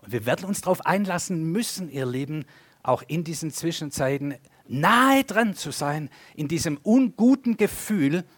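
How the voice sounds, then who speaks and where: A man preaching a sermon and leading prayer, addressing the congregation directly with sweeping rises and falls in pitch and loudness. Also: lively intonation, normal speed. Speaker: pastor.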